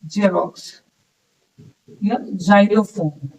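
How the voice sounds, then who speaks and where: Guy teaching english sounds, kinda high voice, repeats every word, a bit far from the mic. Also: a little mellow. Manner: explains sounds slowly, repeats words, keeps checking with "ठीक है". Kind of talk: classroom-style lesson.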